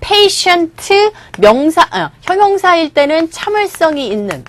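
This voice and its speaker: Lively woman teaching English. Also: very high-pitched, slight background noise. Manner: lively, asks students questions, drills pronunciation slowly. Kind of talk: lecture on English expressions.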